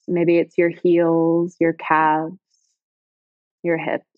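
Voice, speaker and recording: A woman leading a guided body-scan meditation in slow, soft, soothing phrases. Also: low voice, completely flat delivery, no room sound, phone-quality sound.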